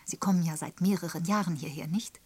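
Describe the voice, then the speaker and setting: A woman reading the part of a gentle, tactful elderly spinster in an audiobook, in a mild and measured manner. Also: lowish voice, husky. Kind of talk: audiobook character voice.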